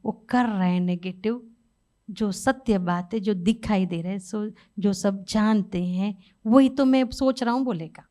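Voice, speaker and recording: A middle-aged woman giving a conversational spiritual talk, asking rhetorical questions and softly acting out inner dialogue with her own mind. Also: a little high. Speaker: spiritual speaker.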